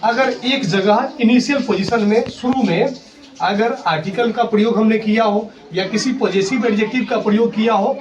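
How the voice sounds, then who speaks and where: A man's voice: sits high, normal speed. A male school teacher teaching a grammar lesson. He explains step by step, asks questions and answers them himself, and spells words out letter by letter. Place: school classroom. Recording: distant classroom recording with clear background noise.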